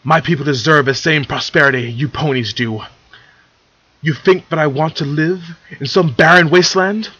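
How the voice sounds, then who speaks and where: A defiant changeling queen, played by a man reading a fantasy story, rants with bitter, haughty indignation. The voice is raised and rough-edged, on a slightly dull recording. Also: on the high side, moderate pace, pushed and bright, dry recording, pitched above the performer's own voice. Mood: furious, defiant. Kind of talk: dramatic fan fiction reading.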